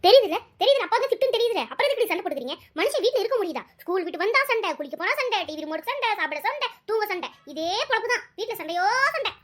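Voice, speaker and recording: A woman voicing a squeaky, exasperated cartoon mom. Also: big pitch swings, very fast, few pauses. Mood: scolding. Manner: scolding, exasperated, threatening. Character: harried mother of squabbling girls, scolding. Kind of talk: cartoon voice acting.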